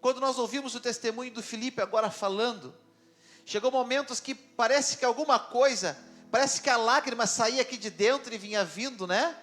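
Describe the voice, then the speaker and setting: A man's voice: very high voice, fairly quick, fairly bright tone. A man preaching a sermon in a church, speaking dramatically and asking questions of the congregation. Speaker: pastor.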